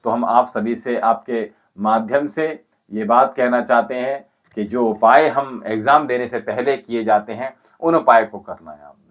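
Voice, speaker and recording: On a livestream with lo-fi sound, a man who teaches spirituality and Ayurveda answers viewers' comments, addressing each person by name. He speaks in a measured, instructive way with a medium-pitched voice.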